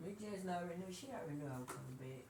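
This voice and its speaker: A woman's voice: fairly low pitch, lively intonation, very fast, creaky. An American woman gossiping casually with a roommate in a blunt, sassy way. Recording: echoey room with loud background noise.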